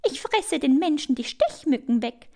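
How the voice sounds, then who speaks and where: Storybook spider, female, jumpy and proud of itself, high shrill lines, as a woman puts her on. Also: very animated, normal speed, warm tone. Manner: shrieking, then chirpy and proud. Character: giggly, easily spooked female spider.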